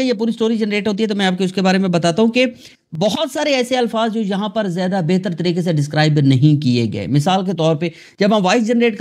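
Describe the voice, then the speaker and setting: A man from Pakistan hosting a screen-recorded software tutorial, talking chattily to his viewers. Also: sits high. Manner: chatty, addresses viewers as "janab" and "dosto". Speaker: tutorial host.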